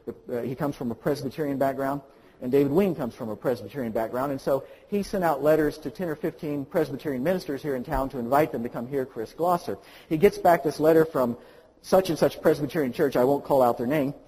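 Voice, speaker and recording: A male pastor preaching an impassioned sermon, swinging from quiet to loud. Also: mid-range voice, fast, husky, long reverb tail, poor audio.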